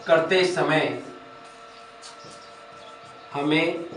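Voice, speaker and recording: A male teacher with a fairly high voice gives an exam-prep grammar lecture. He explains each point step by step, repeats key phrases and asks rhetorical questions. He is recorded in an echoey room with the mic set back from him. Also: extremely slow, fairly bright tone, distant mic, slight background noise. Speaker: Sanskrit teacher.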